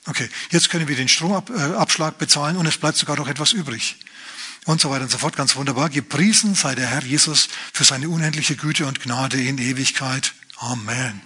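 A male pastor preaching a lively, chatty sermon, often turning to his listeners with asides. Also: medium pitch, fairly quick, slightly rough.

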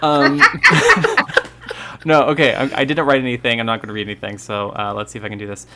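A man's voice: lowish voice, steady tone, very fast, very noisy. A young man co-hosting a podcast, chatting loosely about a movie with many fillers and restarts. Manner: rambling, full of fillers and self-corrections. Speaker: podcast co-host. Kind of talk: casual chat about a movie.

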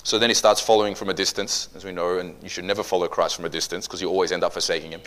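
Animated, joking male preacher. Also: low voice, rapid-fire. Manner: animated and joking, jumping between loud bursts and quiet asides. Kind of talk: sermon.

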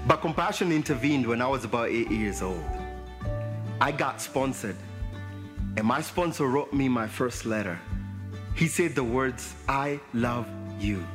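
A man from Kenya giving a calm, measured personal testimony in a video. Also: mid-range voice. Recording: video with music underneath. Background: guitar music.

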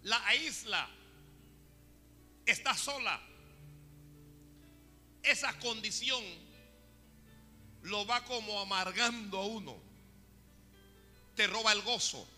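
A male preacher delivers an animated sermon and talks straight to his congregation. His voice sits high and sounds very bright. It rings out in a church hall with a long echo, and faint music plays in the background. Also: slow pace, pauses often.

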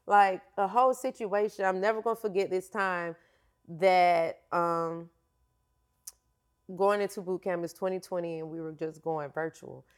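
A woman's voice: on the low side, steady tone, measured pace. A woman fitness instructor telling her story in a candid, slangy, casual interview.

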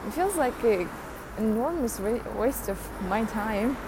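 A woman's voice: a little high, animated, a little slow, background noise. A young adult woman hosting a podcast, rambling through a casual solo rant, mocking herself and laughing often. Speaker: podcast host.

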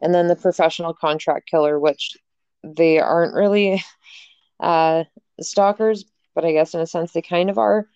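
A woman's voice: lowish voice, steady tone, normal speed, darkish tone, clear, resonant tone, no room sound, lo-fi sound. A young woman hosting a casual podcast, frank and jokey, swearing freely as she talks. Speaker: podcast host.

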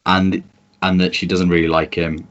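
A man retells a film scene playfully in casual conversation. His voice is low. The audio is dull and lo-fi. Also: flat delivery, normal speed. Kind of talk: casual chat. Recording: dull lo-fi recording.

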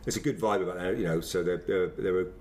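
A low-pitched man reminisces casually in an interview. He rambles and halts, circling back over his phrases. There is faint noise behind him. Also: steady tone, darkish tone. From Wiltshire, England. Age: 50s. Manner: rambling, halting, repeats phrases. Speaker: former semi-professional footballer being interviewed.

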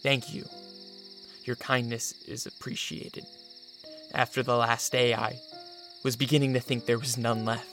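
Gravelly, brooding vampire count acted by a man. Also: medium pitch, level tone, measured pace, long pauses, music in the background, natural voice. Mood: polite, subdued. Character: weary, brooding centuries-old vampire count, male. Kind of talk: radio drama acting.

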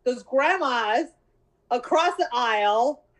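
A woman in her thirties telling a story in casual podcast chat, animated, acting out dialogue and laughing often. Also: sits high, slow pace, poor audio. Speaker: podcast co-host.

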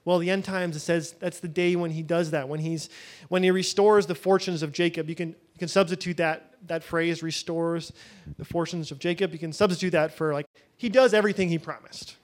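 A man's voice: on the high side, steady tone, a little fast. A man teaching a Bible session in a loose, conversational way, thinking aloud as he goes.

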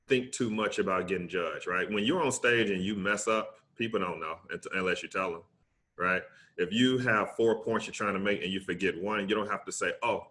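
Deep, bright-voiced Southern US man. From Alabama, United States. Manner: emphatic, conversational, often tags points with "right?". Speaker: interview guest, public speaker. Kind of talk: casual motivational interview talk.

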